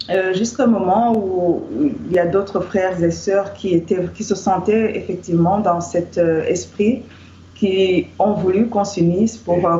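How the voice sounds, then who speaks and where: A woman's voice: fairly low pitch, dark tone. A woman from Rwanda, a guest in a casual discussion, speaking hesitantly with many fillers. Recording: echoey, muffled, faint background noise.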